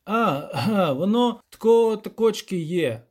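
A man voicing a gruff, hesitant peasant village elder who rambles in folksy country speech. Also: sits high, expressive, takes it slowly, a little mellow, pitched above the performer's own voice, exaggerated voice. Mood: rambling.

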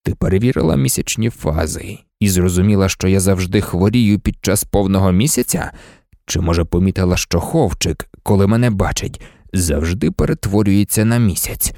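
Man reading a weary teacher, low, calm, measured, dry sound. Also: vocal fry, husky, no room sound, exaggerated voice.

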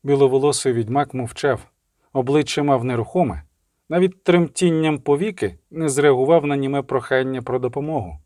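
A man narrating an audiobook in a steady, even reading voice. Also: mid-range voice, fairly quick, no echo, clean studio sound.

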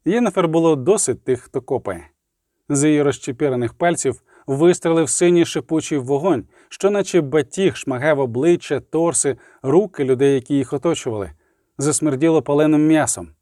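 A man narrating a fantasy audiobook in a measured, dramatic way. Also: fairly high pitch, dark tone, no echo, studio quality.

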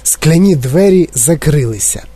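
A man narrating an audiobook with lively storytelling. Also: fairly high pitch, unhurried, slightly rough, no echo.

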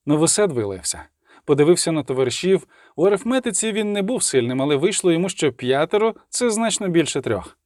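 A man giving a measured, vivid audiobook narration, recorded close on a studio mic. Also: fairly high pitch, big pitch swings, a little mellow, no echo. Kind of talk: scripted narration.

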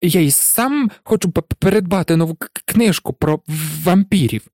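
A man's voice: high-pitched, lively intonation, normal speed, darkish tone, no room sound, studio quality, pitched above the performer's own voice. A man reading a story aloud, voicing a nervous, pale young professor who stutters on his words. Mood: nervous stammer. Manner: stammering, nervous.

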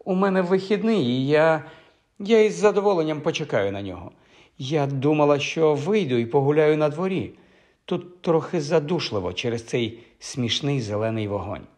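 A man's voice: fairly high pitch, animated, moderate pace, darkish tone, close to an everyday voice. A man voicing a shy, nervous young woman who speaks with a trembling voice.

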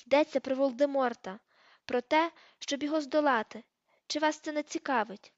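A desperate teenage boy wizard, as a woman reader puts him on, raising his voice and pleading with pressing urgency. The sound is higher than a boy's usual and rather loud. The recording is dry and a little dull, like a lo-fi audiobook track. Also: moderate pace, no room sound. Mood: urgent. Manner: shouting, pleading.

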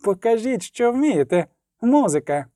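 A man voicing a bold young female elf dancer who shouts to rouse the crowd, in an audiobook. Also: very high-pitched, big pitch swings, a little slow, no echo, clean studio sound, pitched above the performer's own voice, heavily acted. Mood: rousing, brash. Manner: loud, commanding, rousing the crowd. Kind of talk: audiobook character voice.

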